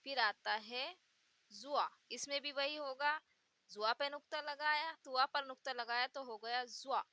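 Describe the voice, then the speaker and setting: A woman in a slow, patient pronunciation lesson, drawing out each letter sound and repeating it with example words. Her voice is bright and sits a little high. The recording is close and dry, with no room sound. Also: no room sound. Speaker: Urdu teacher.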